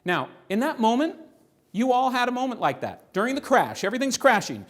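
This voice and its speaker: A man with an extremely high voice presents financial ideas to a live audience in a room, speaking a little fast. He's animated and often throws rhetorical questions at the listeners.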